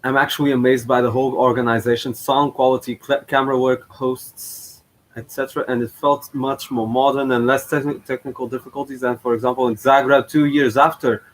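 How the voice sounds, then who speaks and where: Speaking briskly in a level, mid-range voice, a channel host offers casual reactions to a past contest. He hesitates often, using plenty of fillers and restarts, and the recording sounds rough.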